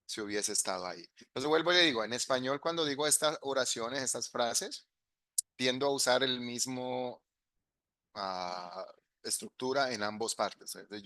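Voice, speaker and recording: Male English teacher, online class, patient step-by-step explainer, bright voice, dry close sound. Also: medium pitch, no echo. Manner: explains step by step, switching between Spanish and English examples. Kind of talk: live online grammar class.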